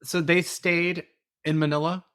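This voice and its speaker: A man's voice: fairly high pitch, flat delivery, unhurried, a bit bright, clear, resonant tone. A man hosting a podcast who reads guest introductions carefully and asks plain follow-up questions. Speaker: podcast host. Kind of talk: podcast interview.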